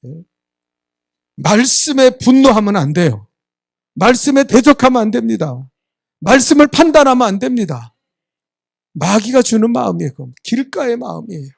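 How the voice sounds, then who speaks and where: A man's voice: extremely high pitch, very animated, moderate pace, creaky, long pauses, no echo, clean studio sound. A man preaching a sermon as a church's senior pastor, emphatic and prodding his listeners, sometimes acting out congregants' voices. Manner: acts out congregants' voices in asides. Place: church sanctuary.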